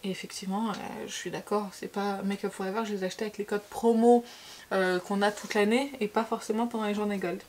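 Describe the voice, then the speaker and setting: A woman's voice: medium pitch, steady tone, quick pace, darkish tone, a little hiss or hum. A woman from France chatting casually through a makeup tutorial, with frequent fillers and repeated words. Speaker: beauty vlogger.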